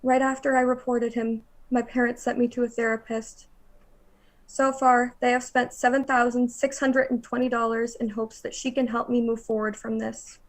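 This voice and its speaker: A young woman reads a prepared court statement in a fairly high, flat voice. Her delivery stays level and measured from line to line. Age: young adult. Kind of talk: reading a court statement aloud.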